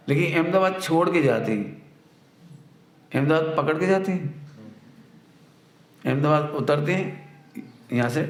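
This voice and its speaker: A man with a slightly high voice gives a devotional talk in a large echoey hall. He teaches through homely examples and repeats his main points. Now and then he acts out a scolding mother in a louder voice. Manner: explains with everyday examples, repeats key lines. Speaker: spiritual teacher. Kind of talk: devotional discourse. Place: spiritual retreat centre hall.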